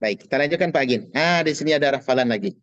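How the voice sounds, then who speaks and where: A man teaching an online Arabic class in a patient, reassuring way, saying each word slowly for students to repeat. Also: on the high side, animated, fairly bright tone, no room sound, dull audio. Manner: slow drilled pronunciation of Arabic words. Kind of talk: online language lesson.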